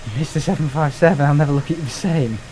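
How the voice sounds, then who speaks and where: A man's voice: fairly high pitch, quick pace, dark tone, slight background noise. A young man streaming live, chatting casually with viewers, joking and swearing now and then.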